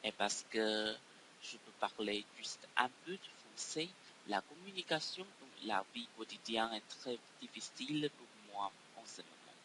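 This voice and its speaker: Low-voiced man, hissy recording. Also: animated, a little slow. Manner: careful, recited, learner's French. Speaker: doctoral student. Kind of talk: prepared self-introduction.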